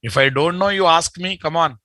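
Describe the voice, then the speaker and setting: A man's voice: a little high, a little fast, sharp tone, no room sound, studio quality. A middle-aged man with an Indian Telugu accent, teaching an informal live online lesson as an instructor, repeating his phrases and addressing learners familiarly. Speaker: software instructor. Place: indoor room, video call.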